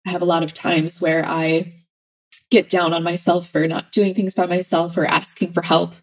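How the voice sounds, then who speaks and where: Female co-host, emotional and near tears, halting and vulnerable, a bit off-mic. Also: lowish voice, flat delivery, distant mic, low-quality recording. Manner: halting and vulnerable, many fillers. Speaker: podcast co-host. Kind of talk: casual chat.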